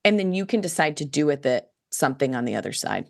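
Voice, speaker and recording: A woman's voice: deep voice, fast, creaky. A woman guest on a podcast, a children's book author chatting casually and acting out quoted voices, with lots of "like" and "you know.". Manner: animated, acts out quoted voices, many "like, you know" fillers.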